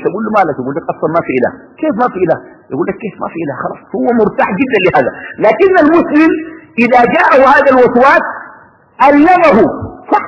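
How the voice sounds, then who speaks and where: A man's voice: high-pitched, fairly bright tone, a little hiss or hum. A man teaching a class on creed, stopping to ask his students questions and having them finish his sentences. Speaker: religious teacher. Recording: dull lo-fi recording in a reverberant hall.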